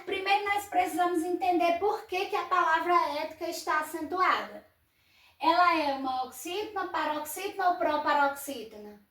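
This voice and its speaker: Woman teacher, patient and step by step, high voice, roomy echo. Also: fairly bright tone, distant mic. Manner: patient, asks and answers her own questions. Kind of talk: explaining grammar exercises. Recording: echoey room, voice set back from the mic.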